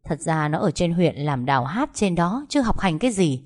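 Woman voicing a scheming sister-in-law, sharp-tongued, scolding, sneering, storybook. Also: fairly low pitch, sing-song, moderate pace.

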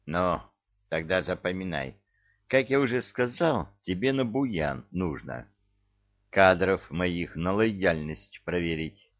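A man's voice: low-pitched, expressive, slow pace, lo-fi sound. A man voicing an irritable male devil who runs hell like an office, hissing and barking orders, in an audiobook. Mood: grumbling, bossy. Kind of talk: audiobook character voice.

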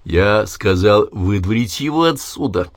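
A man's voice: lowish voice, animated, normal speed, dry recording, studio quality. A man reading an audiobook, voicing a stern male hospital doctor who gives curt, commanding orders.

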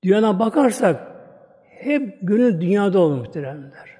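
A man's voice: high-pitched, very animated, moderate pace, dark tone. A male preacher delivering a sermon, telling a story dramatically and repeating phrases for emphasis. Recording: long hall reverb.

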